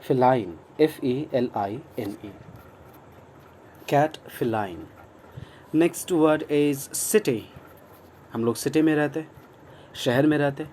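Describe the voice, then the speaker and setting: A man's voice: mid-range voice, darkish tone, slight background noise. A man from India with an Indian accent, teaching English vocabulary in a mix of Hindi and English, spelling words out letter by letter and repeating them encouragingly. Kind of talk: online vocabulary lesson.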